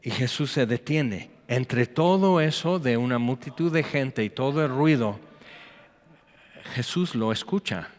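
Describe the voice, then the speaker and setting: A man's voice: medium pitch, expressive, a little slow. A man, preaching a sermon in a chatty style, reading scripture and breaking into acted quotes. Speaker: pastor. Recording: long hall reverb.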